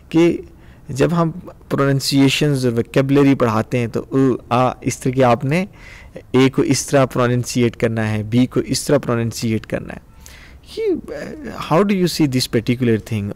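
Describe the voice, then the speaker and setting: A man hosting a podcast, asking questions in a hesitant way with frequent pauses and English phrases mixed in. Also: mid-range voice, darkish tone. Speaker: podcast host. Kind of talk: conversational podcast interview.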